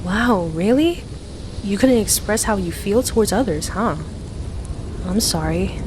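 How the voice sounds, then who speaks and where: In an ASMR roleplay, a young woman plays a playful, excitable best friend hiding a crush, chatting expressively in her natural voice. Her pitch sits in the middle and her pace is unhurried, with music underneath and a tender mood.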